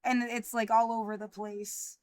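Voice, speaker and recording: A woman in her thirties speaking in a livestreamed personal monologue, anxious and rambling, halting with frequent restarts. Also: on the high side, flat delivery, darkish tone. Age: 30s.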